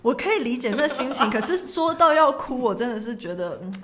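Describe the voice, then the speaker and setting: Lively woman, teasing co-host. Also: high voice. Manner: measured, curious, teasing questions. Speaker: podcast co-host. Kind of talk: casual chat.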